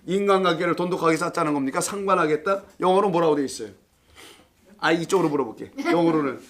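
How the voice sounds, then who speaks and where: A man's voice: on the high side, fast. A male pastor teaching a Bible study class, playful, quizzing his listeners and laughing often. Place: church classroom.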